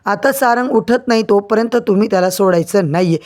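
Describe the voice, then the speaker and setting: Patient doctor giving calm advice, read plainly by a woman narrator. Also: mid-range voice, brisk, lightly acted. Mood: advising. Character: calm, reassuring male doctor.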